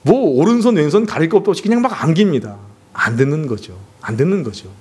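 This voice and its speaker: Speaking fast in an expressive, slightly mellow and slightly rough voice, a man preaches as pastor in a church sanctuary. He is earnest and acts out family scenes to drive home his points, sweeping his pitch up and down.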